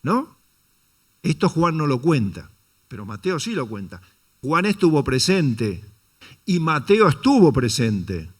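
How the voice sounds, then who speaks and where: A man's voice: a little high, big pitch swings, slow pace. A man preaching a Sunday sermon, asking the congregation rhetorical questions and calling them brother. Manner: dramatizes quotes with shifting intonation. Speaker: pastor.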